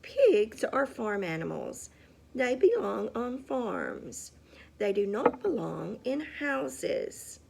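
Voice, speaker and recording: A woman's voice: a little high, big pitch swings, creaky, background noise, heavily acted. A woman voicing a stern, bossy elderly sister in a storybook read-aloud, firm and emphatic. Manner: firm, slow, emphatic scolding.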